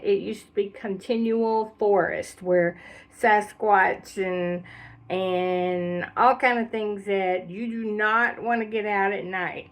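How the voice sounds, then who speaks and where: A woman speaks in a Southeast Texas accent at an unhurried, drawn-out pace. She sounds folksy and chatty, wandering through an informal explanation as an actor teaching dialect. Her pitch sits in an average range for a woman. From Southeast Texas, USA. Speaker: actor presenting a dialect tutorial. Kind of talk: casual unscripted explainer.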